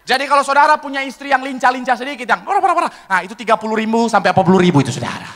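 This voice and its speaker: A man preaching a lively, joking sermon to his congregation, acting out husbands and wives in comic asides. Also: extremely high pitch, racing. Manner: joking, acts out couples' voices, addresses congregation as saudara. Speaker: pastor. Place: large church hall, live service. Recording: live church recording with long hall reverb.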